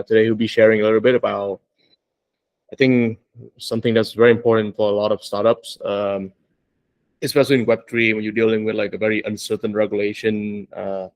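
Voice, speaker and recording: A man's voice: fairly low pitch, dry recording. A man hosting an online session, introducing a guest speaker over a video call with many hesitant fillers. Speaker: event host.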